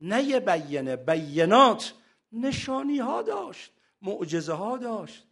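A man with a notably high voice delivers a sermon into a lecture mic. He keeps asking his listeners rhetorical questions. When he recites scripture, he slows down and draws out each phrase. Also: very animated, gravelly, fairly bright tone. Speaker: preacher.

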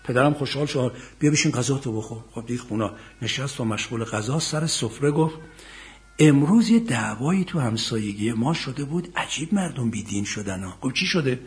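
A middle-aged man preaching a sermon, telling stories quietly and then rising to loud, impassioned emphasis, chanting scripture verses slowly. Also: medium pitch, expressive. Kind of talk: sermon with storytelling.

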